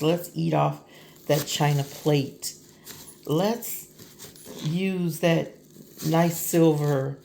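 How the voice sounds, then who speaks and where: A woman's voice: deep voice, creaky, darkish tone, a little hiss or hum. A woman giving an earnest, grateful testimony from her home kitchen, becoming tearful as she speaks. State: tearful, voice breaking. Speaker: vlogger. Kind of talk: heartfelt personal testimony.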